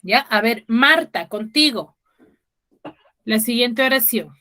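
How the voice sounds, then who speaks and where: A woman's voice: fairly high pitch, lively intonation, takes it slowly, sharp tone. A woman teacher giving an online class over a video call, explaining patiently and often checking in with her students.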